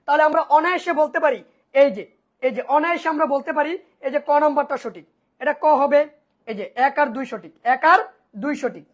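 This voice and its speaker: A woman's voice: high voice, a little fast. A woman teaching an online accounting class, asking and answering her own questions and repeating key points, often checking whether students follow.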